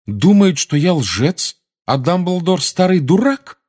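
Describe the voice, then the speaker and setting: A man's voice: high voice, very animated, slow, pitched above the performer's own voice, heavily acted. A man voicing a sullen, angry teenage boy who snaps sharply. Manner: sharp, snapping.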